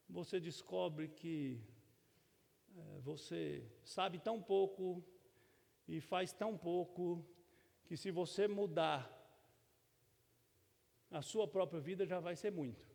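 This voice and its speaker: A man's voice: high voice, takes it slowly, vocal fry, pauses often, darkish tone. A middle-aged Brazilian man preaching a sermon as pastor, folksy and conversational, with touches of humor and frequent tag questions. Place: church sanctuary. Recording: long church reverb.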